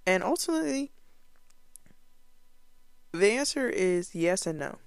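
Slow-talking woman teaching the Bible. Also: medium pitch, sing-song, vocal fry, no echo. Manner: earnest, conversational, with fillers and restarts. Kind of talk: casual Bible teaching to camera.

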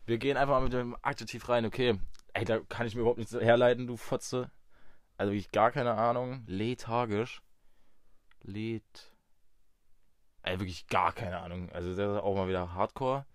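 A man's voice: medium pitch, steady tone, moderate pace, dry recording, studio quality. A man co-hosting a casual podcast, teasing his friend with crude banter and mock self-deprecation. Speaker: podcast co-host. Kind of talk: casual chat.

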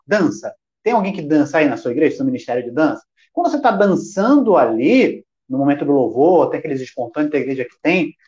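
A man's voice: high-pitched, darkish tone, highs cut off. A man teaching worship music on a live stream. He talks straight to his viewers and asks himself questions, then answers them. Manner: talks directly to chat viewers.

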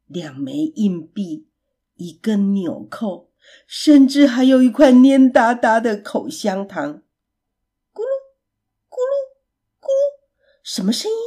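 A woman reading a children's story aloud in a gentle, expressive, unhurried way. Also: mid-range voice, husky.

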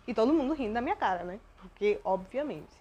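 A woman's voice: a little high, lively intonation, quick pace, warm tone, breathy edge, muffled recording. Young Brazilian woman, podcast host, rambling, self-deprecating and emotional monologue.

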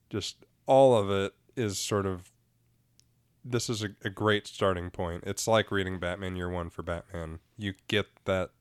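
Man, very low voice, smooth and resonant, relaxed explanatory podcast chat. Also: no echo. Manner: relaxed, explanatory, laughs easily. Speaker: podcast co-host. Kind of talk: casual chat about comics.

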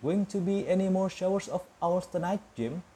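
A man voicing an evening newsreader with a polished, anchor-style delivery, a touch higher and louder. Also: normal speed, close to an everyday voice. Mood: newsy.

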